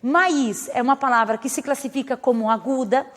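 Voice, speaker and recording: A woman's voice: sits high, moderate pace, in a large hall. A woman teacher who speaks natively, explaining grammar rules patiently in a recorded video lesson and checking in with her students. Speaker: Spanish teacher.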